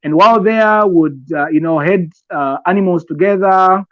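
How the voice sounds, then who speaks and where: A man with a Zambian accent and a slightly high voice offers conversational advice, drawing on personal examples. He explains things deliberately and haltingly, repeating phrases along the way. The recording is dry, a little dull, and free of room sound.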